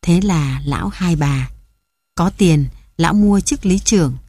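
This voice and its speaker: A woman narrating a story in a calm, steady reading voice. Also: on the low side, unhurried, breathy edge, no echo.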